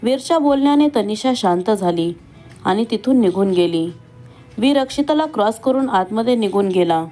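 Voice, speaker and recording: A woman reading a family love story aloud, voicing each character in her own voice with dialogue pitched a little higher. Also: animated, moderate pace, warm tone, faint music behind. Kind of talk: scripted story narration.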